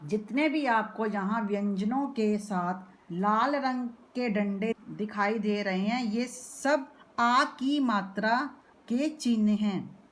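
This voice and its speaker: A woman teacher giving a children's phonics lesson, spelling out syllables slowly and clearly. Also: mid-range voice, fairly bright tone.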